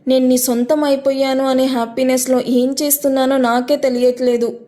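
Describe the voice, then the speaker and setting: A woman's voice: sits high, little pitch movement, fairly quick, mellow, close to an everyday voice. A woman voicing a playful, teasing young bride-to-be in a romance audio story, bubbly and bossy. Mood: tender.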